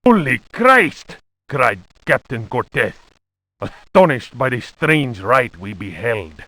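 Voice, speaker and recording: A man's voice: medium pitch, expressive, slow pace, sharp tone, dry recording. A man playing a pompous, horrified Spanish lieutenant narrating a journal in a horror game, with hammy, overwrought bad acting. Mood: dramatic, aghast. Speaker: narrator reading old books in a video game.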